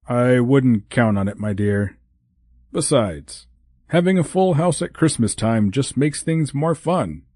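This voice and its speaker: A man voicing a kindly, wise old Santa Claus in an audiobook, talking in a fatherly, gentle way. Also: mid-range voice, expressive, unhurried, no room sound, studio quality, voice pushed up. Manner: avuncular, calls her "my dear". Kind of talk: audiobook character voice.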